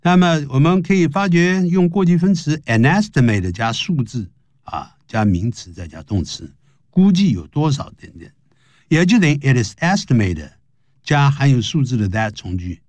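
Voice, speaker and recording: A man's voice: medium pitch, very animated, darkish tone, dry recording. Guy doing an english grammar lesson on radio, swaps between chinese and english, dry close sound, mid voice. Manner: reads English example sentences slowly and carefully. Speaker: English teacher.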